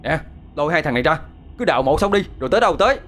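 A man's voice: fairly high pitch, expressive, rapid-fire, a bit bright, voice pushed up. A man voicing a stubborn, angry young son-in-law who bluntly insists on his way.

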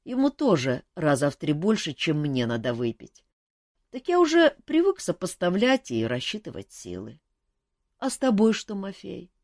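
A woman's voice: lowish voice, wildly swooping pitch, normal speed, darkish tone, no room sound, voice pushed up, full character voice. A woman voicing a tired, joking male court jester who mocks himself and others in a dry room. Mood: wry, weary. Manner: wry, self-mocking banter.

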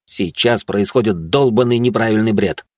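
Husky low guy reading an audiobook, punchy heated telling, dry close mic. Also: moderate pace, darkish tone, no room sound. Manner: terse, heated storytelling. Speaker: narrator. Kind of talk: first-person audiobook narration.

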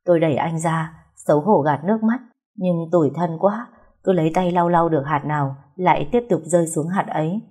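Woman reading a story out loud, lowish breathy voice, soft and mellow. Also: brisk. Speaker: audiobook narrator. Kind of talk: first-person story narration.

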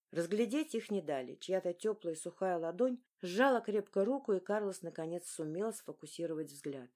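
A woman narrating a novel aloud in a scripted, expressive storytelling delivery. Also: mid-range voice. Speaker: audiobook narrator.

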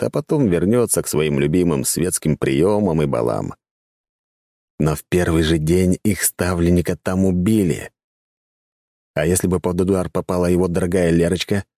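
A man calmly narrating a fantasy audiobook. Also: deep voice, no echo, clean studio sound. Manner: calm, even storytelling.

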